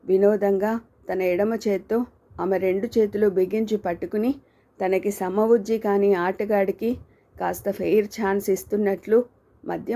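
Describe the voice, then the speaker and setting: A woman narrating a novel as an audiobook, telling the story in a steady, dramatic way. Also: mid-range voice.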